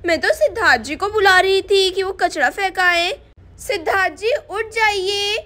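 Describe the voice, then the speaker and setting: A woman's voice: very high voice, normal speed, pushed and bright. A woman voicing a busy young housewife who chats to herself and scolds her husband in a doll story. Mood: scolding. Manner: chatty, scolding, talking to herself.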